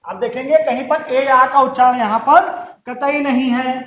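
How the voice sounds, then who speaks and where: A man teaching a lesson to students, repeating each rule slowly and asking them questions before answering himself. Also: very high-pitched, fairly even intonation, a bit bright. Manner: slow, drawn-out repetition of rules; addresses students directly, asks and answers questions. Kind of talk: classroom-style lesson. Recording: roomy, slightly dull sound.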